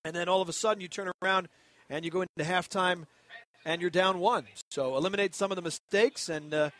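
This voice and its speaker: A man's voice: sits high, steady tone, a little fast, a bit bright. A man calling a college football game as play-by-play announcer, conversational and a little rambling. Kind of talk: sports commentary.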